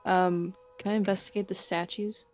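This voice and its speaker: Casting: female tabletop player, mid-pitched, brisk and teasing. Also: little pitch movement, faint music behind. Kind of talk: casual tabletop play.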